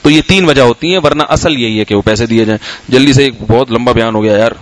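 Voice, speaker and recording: A man's voice: mid-range voice, no echo, poor audio. A middle-aged man from Pakistan, an Islamic scholar giving a conversational sermon, telling anecdotes and asking the audience questions. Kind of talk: sermon and Q&A talk.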